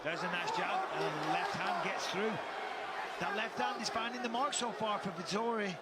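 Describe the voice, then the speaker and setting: A man's voice: high voice, normal speed. A man giving conversational live analysis as a fight commentator. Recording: very loud crowd and arena noise. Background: roaring arena crowd.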